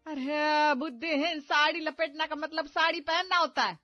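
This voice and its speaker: A woman's voice: a little high, moderate pace, no room sound, lightly acted. Woman voicing a bossy scolding mother-in-law. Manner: scolding, loud and impatient. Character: bossy, sharp-tongued middle-aged mother-in-law. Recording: slightly dull audio with background music.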